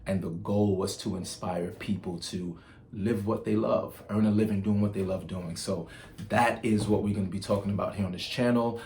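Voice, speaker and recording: This is a casual vlog by a Nigerian host, who tells stories in a chatty manner with filler ums and frequent restarts. He speaks on the low side with fairly even intonation, a darkish tone and a moderate pace, over a little hiss or hum.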